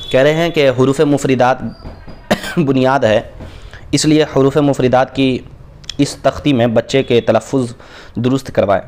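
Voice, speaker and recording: A man, teaching a beginners' Quran reading lesson, patiently explaining and repeating Arabic letters slowly and drawn out. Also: mid-range voice, a little mellow, slight background noise.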